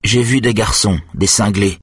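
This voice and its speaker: An awkward, anxious teenage boy, as a man reading a novel puts him on. The voice is lifted above the reader's own and sounds slightly husky. He snaps or pleads with his mother. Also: on the low side, normal speed, no echo, studio quality, voice pushed up. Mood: uneasy. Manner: curt, pleading. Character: anxious teenage son, embarrassed and curt.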